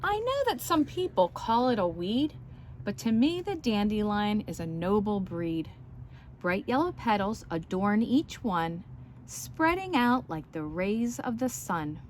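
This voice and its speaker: A children's story time teacher reads aloud and shows things to young children, explaining as she goes and asking her listeners questions. Her medium-pitched voice has a sing-song lilt and a measured pace, with a little hiss or hum in the background.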